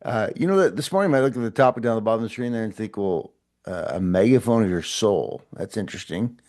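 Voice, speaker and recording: Talking fast and with plenty of animation, this middle-aged podcast host has a slightly mellow voice that sits on the low side. He delivers a casual motivational talk to camera, earnest and encouraging, with frequent repeats and false starts.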